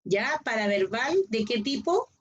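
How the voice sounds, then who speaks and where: The dull, lo-fi sound of an online lecture carries a middle-aged woman's slightly high, animated voice, with a little background noise. She takes her time explaining and frequently checks whether her students are keeping up.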